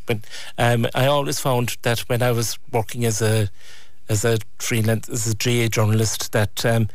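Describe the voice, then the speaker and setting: A man's voice: medium pitch, flat delivery, moderate pace, no echo. A man with an Irish accent reminiscing conversationally as an interview guest.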